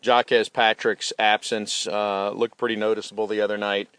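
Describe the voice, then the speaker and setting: A man's voice: lowish voice, flat delivery, normal speed, a bit bright, smooth, no echo. A man hosting a sports talk show, chatting about a football game and reading sponsor spots in a conversational way. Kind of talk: sports radio talk and live ad reads.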